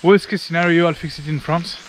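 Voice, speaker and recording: A man with a slightly high voice chats informally as a travel vlogger. He comments casually on his surroundings in the open air. Light ambient noise sits behind his voice. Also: fairly even intonation, brisk, poor audio. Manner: informal, chatty, occasional swearing. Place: outdoors on forest walking paths.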